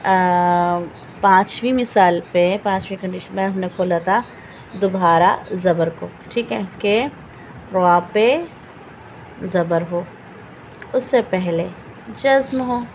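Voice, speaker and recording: A woman teaching Quran recitation rules step by step, patiently repeating each example slowly and asking questions she then answers. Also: medium pitch, slight background noise, rough recording. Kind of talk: step-by-step Quran reading lesson.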